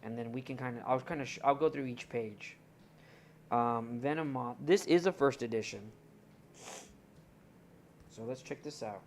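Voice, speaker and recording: A young man with a gravelly, creaky voice talks loosely on a live stream. He rambles and chats to his viewers in a relaxed, off-the-cuff way. A faint hum of noise sits under his voice. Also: mid-range voice, moderate pace, pauses often. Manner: rambling, chatty, talks to chat while browsing. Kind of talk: casual live-stream chat.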